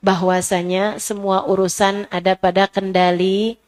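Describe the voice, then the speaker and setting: Woman preacher telling a personal story, middle-aged, gets soft then high and emotional, average pitch. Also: flat delivery, a little slow.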